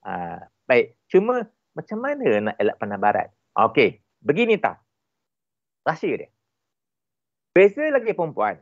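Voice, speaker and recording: A Malaysian man with a slightly high voice speaks as an interview guest, explaining his points with animated emphasis and lots of repetition. The sound is dry and a little dull. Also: unhurried, long pauses, no room sound. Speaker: relationship expert guest.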